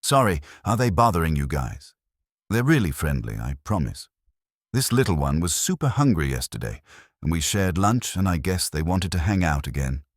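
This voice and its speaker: A man reading the lines of a friendly, easygoing young woman student who coos gently, in a very deep, husky voice. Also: very animated, moderate pace, no room sound, clean studio sound. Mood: puzzled.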